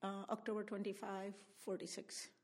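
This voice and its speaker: Her voice is mid-range and monotone, moving at a moderate pace. She is a woman in her seventies from India with an Indian accent, giving an oral history interview in a public library room, where she reflects on her family's story and spells out names letter by letter.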